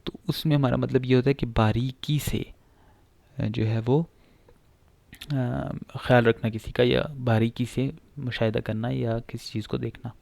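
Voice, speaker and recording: A man with a gravelly, middle-pitched voice teaches pronunciation. He explains patiently and says each word again and again, with many filler sounds. His voice is recorded dry, with no room sound. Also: steady tone, measured pace, a little mellow, no room sound. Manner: frequent filler sounds and "theek hai".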